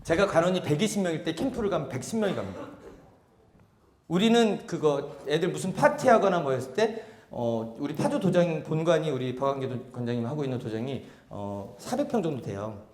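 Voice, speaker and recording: A man giving a seminar lecture to a live audience, acting out little scenes with sudden shouts. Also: fairly high pitch, expressive, fairly quick. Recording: echoey hall.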